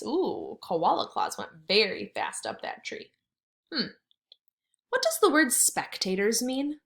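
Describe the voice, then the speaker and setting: Her voice on the high side, a woman teacher does a kindergarten read-aloud. She muses aloud and asks easy questions, pitching her expressive delivery at young children.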